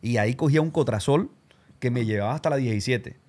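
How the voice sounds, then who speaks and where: A man's voice: medium pitch, quick pace. A man hosting an interview, telling his own story casually, full of slang. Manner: animated, slangy, does voices of people he quotes. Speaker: show host and radio announcer.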